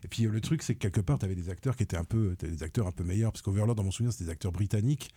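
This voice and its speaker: Mellow, fast-talking French man. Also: on the low side, husky. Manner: rambling, repeats himself, dry. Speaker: film critic on a podcast. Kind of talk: casual chat.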